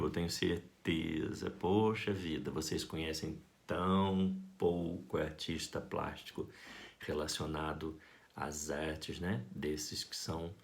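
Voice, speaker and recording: A Brazilian man giving a school art lesson, talking to his students in a playful, affectionate and expressive way. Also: very deep voice, vocal fry. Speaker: art teacher.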